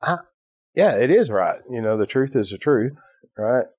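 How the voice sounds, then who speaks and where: A man from Ireland hosts a podcast in an expressive mid-range voice, darkish and a bit breathy, at normal speed; the audio is dull with no echo. Storytelling casually, he peppers it with asides and fillers like "right?" and voices the people he quotes.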